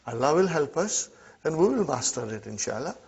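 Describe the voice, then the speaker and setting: A man teaching Arabic to a class in a slow, patient way, often checking in with his students. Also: fairly high pitch, very animated, creaky, a little mellow, breathy edge. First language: not Arabic. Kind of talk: classroom lesson. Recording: dull lo-fi classroom recording.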